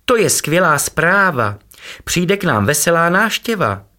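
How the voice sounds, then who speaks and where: A man voicing a small male creature with a thin, squeaky little voice in a children's story. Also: lively intonation, sharp tone. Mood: eager.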